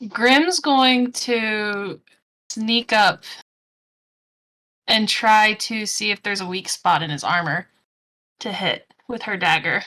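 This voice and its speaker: A woman playing her character in a tabletop game, casual and direct as she asks quick questions and declares actions. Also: mid-range voice, sharp tone. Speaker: player.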